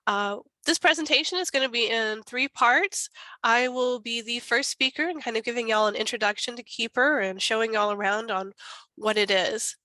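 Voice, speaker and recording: Woman, stuffy from a cold, bright voice, chatty archivist talk. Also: fairly high pitch, moderate pace, no room sound, poor audio. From Texas. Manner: chatty, self-deprecating. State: congested from a cold. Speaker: university archivist presenting. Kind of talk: conference presentation.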